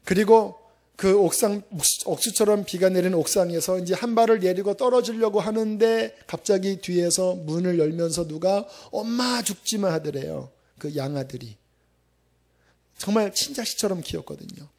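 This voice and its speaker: Guy preaching, high voice, acts out the prayers as he tells the story. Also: normal speed, dark tone. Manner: emotional retelling, acting out prayers and quotes. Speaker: pastor. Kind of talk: sermon storytelling.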